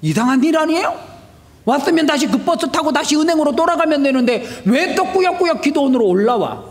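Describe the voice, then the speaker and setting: A male pastor preaching a sermon, telling stories with shouted prayers and rhetorical questions. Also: very high voice, animated, fairly quick, big-room sound. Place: church sanctuary.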